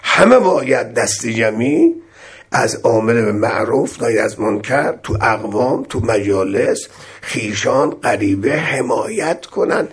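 Male preacher, raspy gravelly voice, lively pitch, alternates loud exhortation with soft scripture recitation. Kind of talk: sermon.

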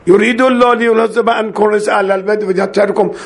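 A man's voice: high voice, steady tone, creaky. A man preaching a religious sermon, reciting Arabic verses and explaining them with impassioned, emotional delivery. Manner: impassioned, voice rising and breaking with emotion.

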